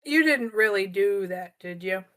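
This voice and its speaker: A woman co-hosting a podcast in casual chat, relaxed and teasing with her partner. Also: medium pitch, unhurried. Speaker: podcast co-host.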